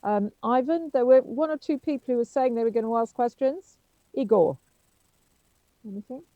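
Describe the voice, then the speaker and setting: A woman's voice: fairly high pitch, normal speed, no echo, highs cut off. A woman chairing an academic seminar. She speaks hesitantly, with many ums and restarts. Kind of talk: academic discussion.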